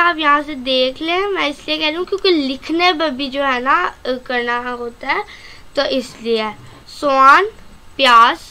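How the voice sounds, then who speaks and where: A woman with a Pakistani Urdu accent teaching an online language lesson, slowly repeating each vocabulary word and calling her viewers friends. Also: high voice, bright, forceful tone. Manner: slow, careful repetition of vocabulary.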